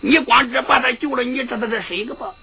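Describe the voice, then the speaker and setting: A woman storyteller voicing a bold, sharp-tongued young noblewoman who argues back at an elder. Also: fairly high pitch, fast talker, gravelly, muffled recording. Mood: indignant.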